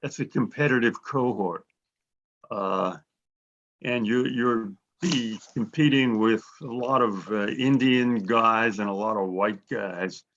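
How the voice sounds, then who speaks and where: A man's voice: on the low side, takes it slowly, a bit bright. Blunt man on a dull video call. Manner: blunt, repeats words, thinks aloud. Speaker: admissions consultant host. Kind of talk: webinar coaching interview.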